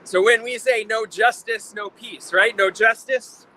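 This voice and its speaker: A man giving an impassioned protest speech like a preacher, emphatic and deliberate, repeating phrases for effect. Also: high-pitched, fairly even intonation, sharp tone. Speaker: preacher, rally speaker. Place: outdoors at a rally in town. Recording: noisy outdoor urban recording, faint traffic.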